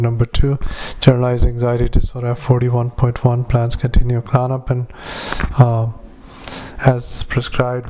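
A doctor dictating notes into a dictaphone recording in a halting, flat manner, with many filler pauses, spelling words out and saying punctuation aloud. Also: male voice, mid-range voice, low-quality recording. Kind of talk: medical dictation.

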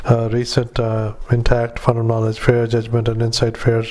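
A male clinician with a mid-range voice dictates a medical note, saying the punctuation aloud. His delivery is flat and monotone, broken into short, halting fragments. The recording is clearly noisy, with background ambience.

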